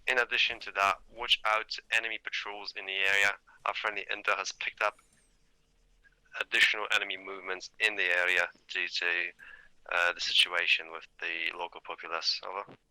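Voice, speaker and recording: Brief: low, flat-voiced man as a radio commander, heard over an in-game radio, clipped voice procedure. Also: fairly quick, clear, resonant tone, no room sound, rough recording. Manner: terse, formal radio calls. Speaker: higher command calling the section.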